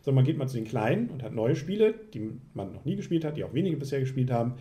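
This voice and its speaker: A man with a mid-range voice talks at a quick pace while hosting a board game podcast. In a relaxed, casual chat, he works through a list of new games and goes down a list of publishers.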